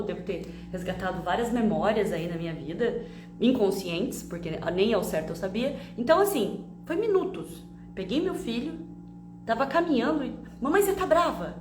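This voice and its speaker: A woman with a Brazilian accent giving an expressive, animated talk that mixes a personal story with teaching. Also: mid-range voice. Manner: expressive, animated storytelling with frequent tag questions. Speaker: emotional education teacher. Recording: roomy with faint hum.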